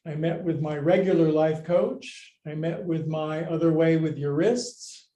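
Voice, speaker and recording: A man's voice: a little high, fairly even intonation, unhurried, warm tone. A man teaching a live yoga class, cueing moves with playful jokes and counts. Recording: echoey room.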